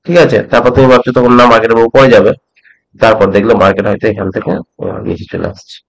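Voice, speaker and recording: Slow, patient Bengali-speaking male trading teacher. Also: on the low side, vocal fry, rough recording. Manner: slow, repeats points, asks "ঠিক আছে?" often. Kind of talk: slow explanatory tutorial.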